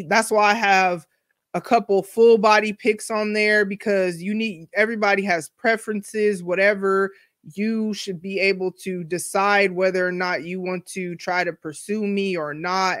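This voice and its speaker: The clean studio sound, free of echo, carries a mid-range, slightly bright voice from a woman in her forties. She hosts a solo podcast, and her casual monologue is candid, chatty, slangy and packed with asides.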